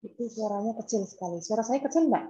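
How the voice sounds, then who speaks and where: An Indonesian woman who lectures at a university talks fast and animatedly in a warm, somewhat high voice. She's teaching an informal online class over a laptop video call, explaining through examples and repetition and quizzing her students. The sound is muffled, lo-fi video call quality.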